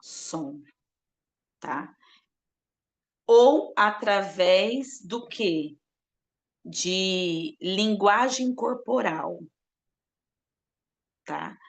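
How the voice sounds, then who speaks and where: A woman teaching a live online church class on prayer, recorded at home on a webcam or phone. She talks in an animated, playful way and speaks to viewers in the chat by name, at a middle pitch. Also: very slow, gravelly, pauses often. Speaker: prophetic intercession teacher.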